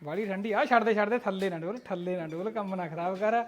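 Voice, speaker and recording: A man showing buffaloes at a farm, calling out directions in a brisk salesman patter. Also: high-pitched. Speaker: livestock dealer vlogger. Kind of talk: on-farm livestock showcase. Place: outdoors at a dairy farm.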